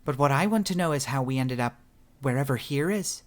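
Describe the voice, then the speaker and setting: A man's voice: mid-range voice, animated, brisk, pitched above the performer's own voice, close to an everyday voice. A male narrator voicing a guarded young woman who speaks dryly and firmly, in audiobook narration. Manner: dry and firm.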